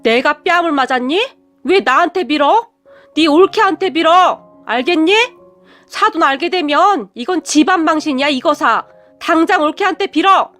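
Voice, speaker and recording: A woman's voice: very high voice, expressive, normal speed, fairly bright tone, soft background music, voice pushed up. A woman reading a stern elderly father-in-law who scolds and barks orders at his daughter. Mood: scolding.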